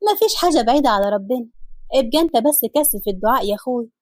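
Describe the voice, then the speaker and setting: A woman's voice: a little high, lively intonation, rapid-fire, a little mellow, dry recording. Woman voicing flirty husband; dry sound. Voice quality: playful flirting.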